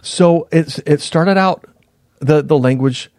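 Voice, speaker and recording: A man in his fifties, a podcast guest, reflectively recounting his past in a casual interview, pausing and restarting sentences. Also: on the high side, a little mellow, no room sound, clean studio sound. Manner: reflective, unhurried, often pauses and restarts mid-sentence.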